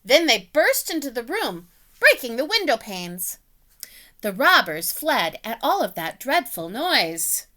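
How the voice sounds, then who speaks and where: A woman's voice: a little high, very animated, a little slow, pushed and bright. A woman reading a children's picture book aloud, as a teacher telling the story with voiced animal sounds.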